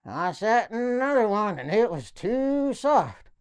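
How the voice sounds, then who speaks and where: A woman's voice: fairly high pitch, measured pace, smooth. A woman comedian telling silly jokes and short stories, jumping into acted quotes. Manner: lively storytelling with acted quotes.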